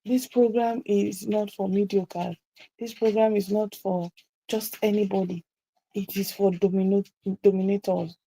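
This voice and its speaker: A female visibility coach, her mid-range voice dark and steady at a measured pace, teaches a group in a motivational session. She leans into emphasis and repeats key phrases. The audio is poor, with slight background noise.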